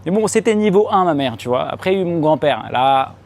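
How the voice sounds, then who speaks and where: Performing stand-up at a comedy club before a live crowd, a young Frenchman relates a story in casual street slang and speaks directly to the audience. His slightly high voice has lively intonation and a quick pace, and he bursts into loud, high-pitched voices when acting out scenes.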